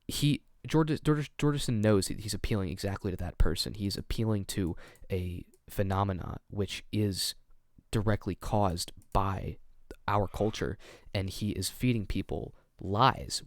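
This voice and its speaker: A man's voice: lowish voice, dry recording, clean studio sound. Emphatic man hosting a casual talk. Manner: emphatic, argumentative. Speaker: host. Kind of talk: casual discussion.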